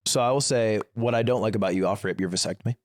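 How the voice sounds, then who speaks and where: A man's voice: on the low side, fast. A man co-hosting a podcast, making blunt crude jokes in casual banter. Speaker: podcast co-host.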